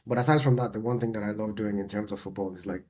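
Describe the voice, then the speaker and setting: A man, co-hosting a podcast in a relaxed, chatty way. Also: fairly low pitch, very fast. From Nigeria. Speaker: podcast co-host. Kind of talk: casual chat.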